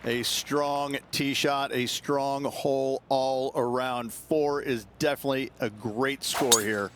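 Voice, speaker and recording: A man's voice: medium pitch, fairly even intonation, slow pace, noisy background, lightly acted. A man playing a golf course analyst, giving commentary in a video game. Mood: appreciative.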